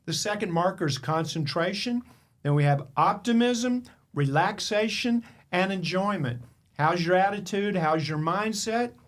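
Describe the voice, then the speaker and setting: A man hosting a motivational podcast, his voice sitting a little higher than most men's. He tells personal stories with emphasis and keeps firing rhetorical questions at the listener. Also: measured pace. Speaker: podcast host. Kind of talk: motivational storytelling.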